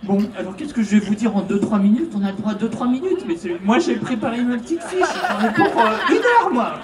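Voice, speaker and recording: A woman's voice: mid-range voice, lively intonation, quick pace, echoey room, distant mic, noisy background. A woman from France with a French accent, an activist speaking to a festival crowd through a handheld microphone, chatty and hesitant with many fillers. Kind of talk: public speech at a festival. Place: outdoor festival stage.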